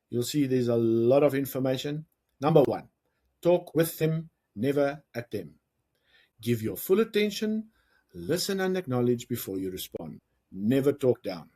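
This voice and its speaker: South african guy coaching parents, kinda raspy, chatty and animated. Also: mid-range voice. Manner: lively, conversational, jokes and acts out quoted lines. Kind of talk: educational talk to camera.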